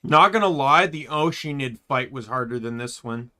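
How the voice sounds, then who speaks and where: A man with a medium-pitched, expressive, sharp-toned voice streams a game from his room at normal speed. His casual gameplay chat rambles, and he often self-corrects by restarting his sentences.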